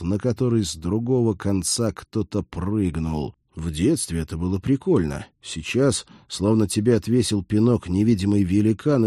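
A man narrating an audiobook in a steady storytelling delivery. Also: lowish voice, dry recording, studio quality. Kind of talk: scripted narration.

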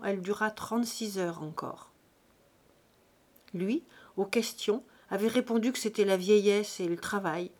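Woman reading a novel aloud, steady. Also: medium pitch. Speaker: audiobook reader. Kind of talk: scripted narration of a novel.

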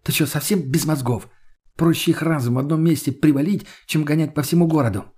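A man's voice: on the high side, brisk, a little mellow, slightly rough, voice pushed up. A man voicing a scheming, foul-mouthed young woman. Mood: snapping. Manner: scheming, crude, snapping. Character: brash scheming young woman, crude and ruthless.

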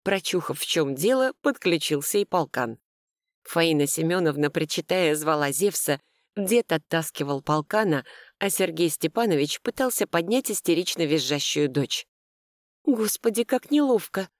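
A woman narrating a first-person romantic comedy audiobook with a lively, expressive reading. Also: low-pitched, normal speed, no echo, studio quality.

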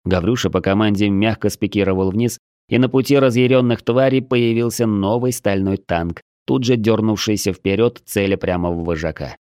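A man reading a first-person adventure audiobook in a measured, steady storytelling manner. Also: on the low side, smooth, no room sound, studio quality. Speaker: audiobook narrator.

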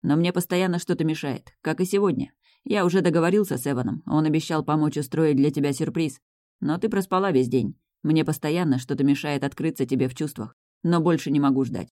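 Tender young mage fiancé, soft and earnest, mellow and close, played by the audiobook reader. Low-key delivery, plain reading voice. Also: brisk, no room sound, close to an everyday voice. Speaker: love interest in a fantasy romance audiobook. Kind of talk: scripted audiobook dialogue.

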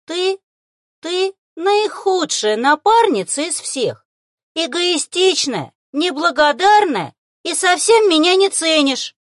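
A woman's voice: mid-range voice, big pitch swings, moderate pace, hardly any pauses, no room sound, clean studio sound, lightly acted. A woman voicing a small, grumbling, condescending male ghost animal in an audiobook. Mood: indignant. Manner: condescending, huffy.

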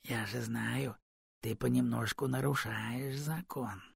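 A man voicing a fussy, book-loving raven in an audiobook, with a high, whiny, pleading manner and a husky voice. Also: lively intonation, moderate pace, no echo, clean studio sound, exaggerated voice. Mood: whispering. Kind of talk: audiobook character voice.

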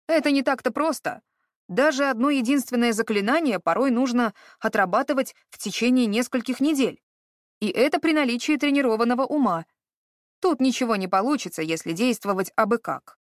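Woman narrator voicing a wry, self-mocking mage man; lecturing calmly, dry close mic. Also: very high voice, brisk, no echo, voice pushed up. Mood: cautioning.

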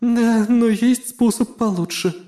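A man's voice: very high-pitched, slow, dark tone, pitched above the performer's own voice. A man reading a fantasy story aloud and voicing a cold, curt female mithril golem with a grating metallic voice. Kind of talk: audiobook narration.

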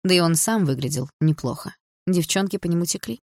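Low-voiced woman narrating an audiobook. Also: brisk, darkish tone, no echo, clean studio sound. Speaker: audiobook reader. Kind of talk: scripted narration.

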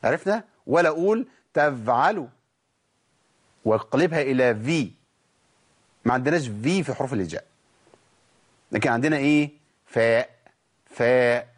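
A man with an Egyptian accent teaching Quran recitation, explaining patiently and demonstrating sounds slowly. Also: medium pitch, animated, husky. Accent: Egyptian Arabic. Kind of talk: recitation lesson.

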